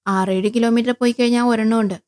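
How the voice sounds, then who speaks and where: A woman's voice: on the high side, fairly even intonation, fast, darkish tone, close to an everyday voice. A woman voicing a mocking man in his forties on a bicycle, sly and needling in tone. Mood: offhand.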